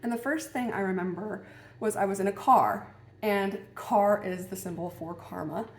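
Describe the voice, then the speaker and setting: A woman's voice: medium pitch, moderate pace. A woman telling a personal story in a casual, musing way, hesitant and full of fillers and restarts. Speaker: vlogger. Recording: roomy echo.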